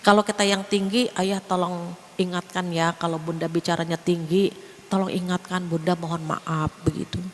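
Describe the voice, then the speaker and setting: This female Islamic preacher has a lowish voice and speaks at a normal pace, heard in a big room with a touch of hiss or hum. Her religious lecture is casual and chatty, enlivened by acted-out quoted speech.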